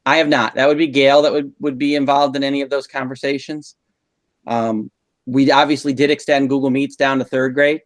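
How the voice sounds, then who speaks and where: A man's voice: medium pitch, flat delivery, fairly quick, no echo. Male tech trainer, patient explainer, dry close video-call sound. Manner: patient, explanatory, frequent um fillers. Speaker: instructional technology trainer. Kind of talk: live online teacher training session. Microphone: video call mic.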